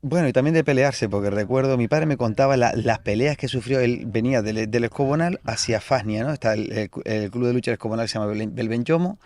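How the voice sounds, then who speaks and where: A man with a Canarian Spanish accent, a podcast guest in relaxed conversation who reflects aloud and often repeats words while searching for them. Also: mid-range voice, fast, hardly any pauses. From Canary Islands. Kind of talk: casual conversation.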